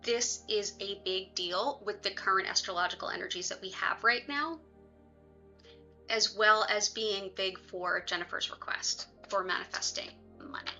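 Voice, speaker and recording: A woman's voice: medium pitch, moderate pace, pushed and bright, highs cut off, faint music behind. A woman hosting a casual livestream, talking conversationally with her viewers and making chatty asides. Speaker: livestream host and reiki practitioner.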